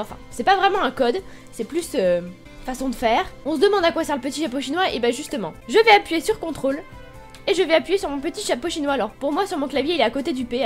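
A young woman from Brittany walking viewers through a game on screen, chatty and explanatory, spelling things out step by step. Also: sits high. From Brittany, France. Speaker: gaming YouTuber. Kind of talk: screen-recorded game tutorial.

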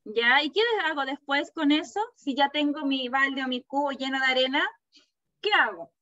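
A woman teaching a kindergarten class over a video call, asking slow, patient questions and praising the children. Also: high voice, bright, forceful tone, no room sound. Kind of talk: online class with young children. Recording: dull, muffled video-call audio.

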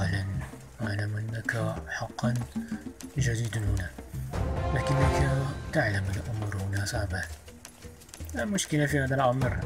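A man hosting a gaming channel, giving playful, excitable let's play commentary and joking with his viewers. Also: mid-range voice.

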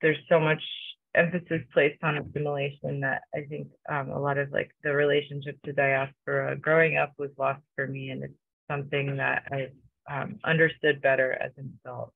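A woman's voice: rumbling low, level tone, normal speed, gravelly, no room sound. Young woman curator rambling with lots of ums, dry close sound. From Romania. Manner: hesitant, many fillers. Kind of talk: casual panel talk. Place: home room with bookshelves. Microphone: video call. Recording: dry, phone-like video call audio.

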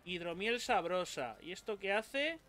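Man, young adult, gameplay commentary, high bright voice, unhurried. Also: expressive. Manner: swears often, yelps and shouts when attacked. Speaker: gaming YouTuber.

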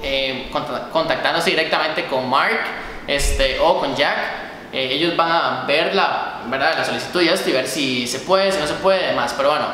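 A young man hosting a casual interview, chatty and gesturing as he talks, seated on a couch in a bright room. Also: a little high. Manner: chatty, animated with hand gestures. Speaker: host. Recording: echoey room with reverb and noise.

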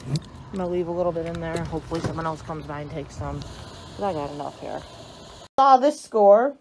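Speaking at a low pitch and a fairly quick clip, a talkative woman in her thirties narrates her dumpster diving vlog on a handheld phone. She chats upbeat to viewers at store dumpsters outdoors and at home, with a noisy background.

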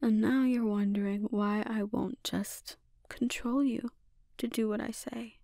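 Slow, whispery Scarlet Witch, acted by a woman. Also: fairly high pitch, fairly even intonation, warm tone, no room sound, studio quality. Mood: cold, controlled. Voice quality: breathy, often whispering. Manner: slow, deliberate, condescending. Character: dominant, menacing witch, coldly seductive and condescending. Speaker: ASMR roleplay voice actor. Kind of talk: ASMR dramatic roleplay, half-whispered.

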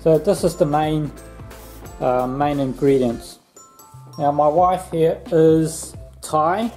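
A man in his thirties from Laos, casually explaining a recipe in his home kitchen, chatty and relaxed, filming himself at arm's length. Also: on the high side, slow, faint music behind, low-quality recording. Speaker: vlog host. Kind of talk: casual cooking vlog.

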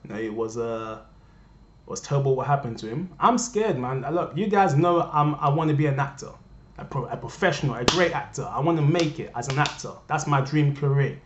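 This is a Cameroonian vlogger's earnest rant to camera, spoken fairly quickly in an animated, mid-range voice. Impassioned and repetitive, he addresses viewers directly from an echoey living room. His desk webcam yields roomy, dull lo-fi audio with slight background noise.

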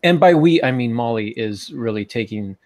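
Expressive and medium-pitched, a man in his forties speaks at normal speed while hosting his podcast on writing, where he also teaches. His tone is relaxed and gently joking, recorded in a small indoor home office with no room sound.

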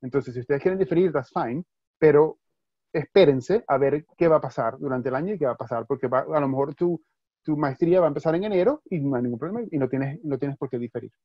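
Venezuelan man, university advisor, rapid reassuring answers, somewhat high voice, dry dull video-call sound. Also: dry recording. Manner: reassuring, mixes in English words, restarts often. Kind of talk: answering questions in a webinar.

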